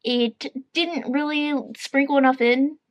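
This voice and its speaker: Upbeat female book vlogger, high voice, rambling casual chat. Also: fairly even intonation, unhurried, dull audio. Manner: chatty and upbeat, rambling with fillers.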